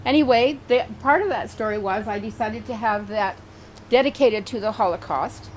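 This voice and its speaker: A woman's voice: fairly high pitch, moderate pace, a little mellow, slight background noise, low-quality recording. Older woman reverend hosting a memorial. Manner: informal and conversational, with fillers. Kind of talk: outdoor memorial service remarks. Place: outdoor garden at her home.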